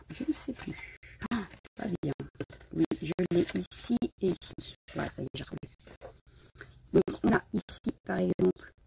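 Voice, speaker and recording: A woman's voice: on the low side, creaky, warm tone, a little hiss or hum. A woman hosting a casual live crafting stream from home, chatty and a bit scattered, greeting viewers as she shows her supplies. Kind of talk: casual live unboxing chat.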